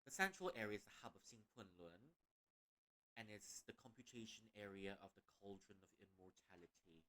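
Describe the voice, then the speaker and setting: A man's voice: fairly low pitch, expressive, normal speed, bright, forceful tone, slight background noise. Playful Malaysian-accented young man streaming. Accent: Malaysian English. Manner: playful, laughs often. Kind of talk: gaming stream commentary.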